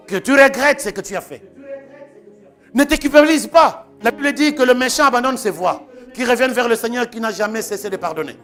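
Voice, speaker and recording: A male pastor preaching a sermon, animated and quick to act out the voices of the people he quotes. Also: very high voice.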